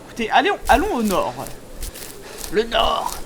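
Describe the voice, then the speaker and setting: A woman's voice: fairly high pitch, wildly swooping pitch, measured pace, creaky, slight background noise. A woman streaming a horror game live, chatting informally and jokingly to viewers with scared, easily startled reactions.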